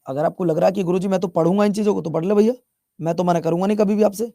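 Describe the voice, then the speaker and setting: A man's voice: high-pitched, steady tone, racing, vocal fry, dark tone, no echo, studio quality. A male teacher from Bihar giving a chatty classroom lecture, repeating his questions and teasing students as he scolds them. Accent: Bihar Hindi.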